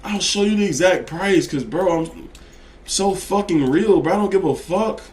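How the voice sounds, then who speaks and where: A man's voice: high voice, moderate pace, darkish tone, roomy sound. A man teaching day trading in casual, profane talk, blunt and slangy, often asking if you get what he's saying. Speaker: trading educator.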